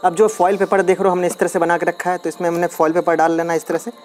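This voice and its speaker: Outdoors on a concrete floor at dusk, a DIY experiment vlogger casually walks through a hands-on experiment step by step, filming on a phone held above his hands. His voice sits high, moves little in pitch, and runs at a quick pace.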